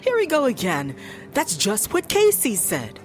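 A woman's voice: on the high side, wildly swooping pitch, measured pace, faint music behind. An actress playing a suspicious female homeowner with a questioning, exasperated manner in an audio drama.

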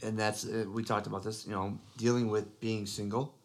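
A man's voice: lowish voice, level tone, moderate pace. A man co-hosting a podcast, talking in a casual, earnest way, restarting his sentences and often saying "you know". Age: adult father. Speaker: podcast co-host.

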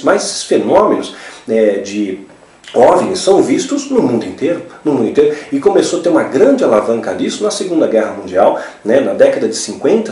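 A man's voice: medium pitch, mellow. A man gives a religious teaching talk, explaining step by step and often checking in with tag questions. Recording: roomy, from a distance.

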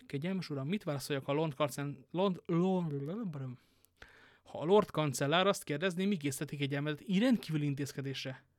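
A man's voice: on the high side, no echo, studio quality, close to an everyday voice. Male reader voicing a deferential secretary in an audiobook, polite and careful. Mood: cautious. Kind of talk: audiobook reading.

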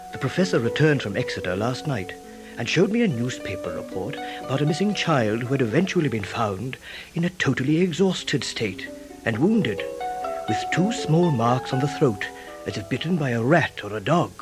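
A man's voice: medium pitch, very animated, normal speed, lightly acted, low-quality recording. A man as a young doctor narrating over music. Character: young doctor, skeptical then alarmed. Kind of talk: scripted narration as a diary. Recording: music bed under the voice.

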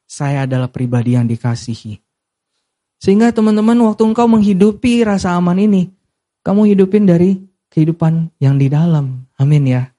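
A man's voice: high voice, normal speed, mellow. A man preaching a sermon in style speech, mixing in English words and calling out to the congregation.

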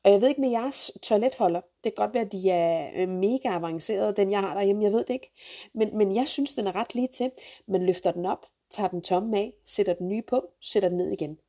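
Blunt sarcastic woman ranting, husky voice. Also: medium pitch. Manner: blunt, sarcastic, swears freely; jumps to sharp loud outbursts. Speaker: vlogger, mother. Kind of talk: ranting countdown list of pet peeves.

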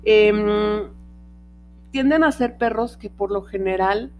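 A woman who trains dogs hosts a casual podcast about them, explaining things slowly in a mid-range voice over soft background music. Recorded on a podcast microphone, she often searches for words, using fillers and restarting sentences.

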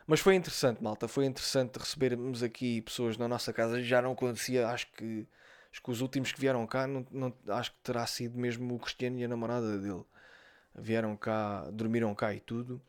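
A young adult man with a European Portuguese accent, hosting a podcast and telling stories in a casual, animated way, often swearing and imitating sounds and other people's voices. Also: medium pitch, fast, clear, resonant tone. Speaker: podcast host. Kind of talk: casual storytelling monologue.

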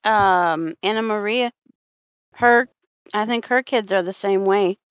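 A woman's voice: medium pitch, slow, clear, resonant tone, no room sound. A woman from Florida with a slight Southern drawl, hosting a casual podcast chat, rambling with fillers and frequent laughter. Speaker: podcast host. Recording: dull lo-fi dry sound.

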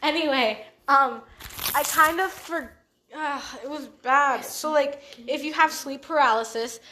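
Young woman rambling thru a story on a podcast, slow, kinda high voice, lots of likes and ums. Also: sharp tone, a little hiss or hum. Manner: rambling, full of fillers and mild swearing. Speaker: podcast co-host. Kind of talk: casual chat and storytelling.

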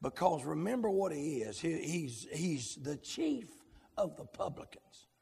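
A Southern US pastor preaching a sermon in a folksy, fiery way, from quiet storytelling to shouting. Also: male voice, a little high, very animated, a little slow, vocal fry, husky. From South Carolina, US. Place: large church sanctuary. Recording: long church hall reverb.

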